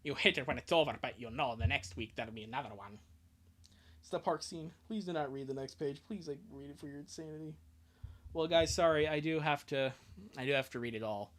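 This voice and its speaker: During a live reading, a streamer with a mid-range voice chats casually at a fairly quick pace, giggling, joking, and cutting themselves off mid-thought.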